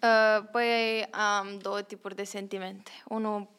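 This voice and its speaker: A woman's voice: medium pitch, flat delivery, a bit bright, smooth. A young woman co-hosting a casual podcast, telling stories in a chatty way, laughing often and acting out what others said. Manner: chatty storyteller, laughs often, acts out quotes. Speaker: podcast co-host, theatre troupe member. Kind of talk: casual chat.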